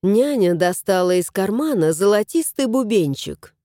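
A woman reading a fairy-tale audiobook aloud with lively, expressive storytelling. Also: medium pitch, normal speed, no room sound, studio quality. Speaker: narrator.

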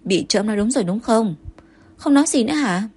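A woman's voice: on the high side, expressive, a little fast, darkish tone, slightly rough. A woman reading a possessive jealous emperor. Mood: scolding. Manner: commanding, then coaxing. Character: possessive jealous male emperor, tender underneath.

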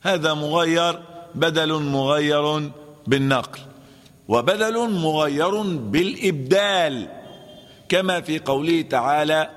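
A man with an Egyptian Arabic accent teaches Quran recitation as a sheikh. He quizzes his listeners, answers himself and repeats the terms in a slightly high voice. The recording carries a long, hall-like reverb. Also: unhurried, a bit bright. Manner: asks and answers his own questions, repeats key terms. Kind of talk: classroom lesson with chanted recitation examples.

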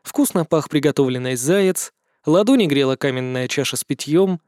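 Guy narrating a fantasy audiobook, kinda high voice, dry close sound. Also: lively intonation, normal speed, a little mellow, clean tone, no echo.

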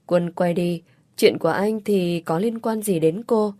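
A woman narrating an audiobook story in an even, measured way. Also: lowish voice, no room sound. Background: faint music.

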